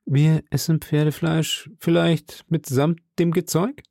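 A grave, dry musketeer, as a man reading aloud puts him on in a storybook, measured and serious. The voice stays close to the reader's own, dry and close to the mic. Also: on the high side, level tone, creaky, mellow, dry recording, voice pushed up.

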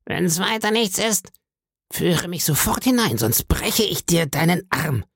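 A man voicing a menacing blind old sea beggar in an audiobook, speaking in a slow, eerie sing-song that sounds cruel and cold. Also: sits high, vocal fry, dry recording, clean studio sound, pitched above the performer's own voice, exaggerated voice. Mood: threatening. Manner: slow, drawn-out wheedling delivery.

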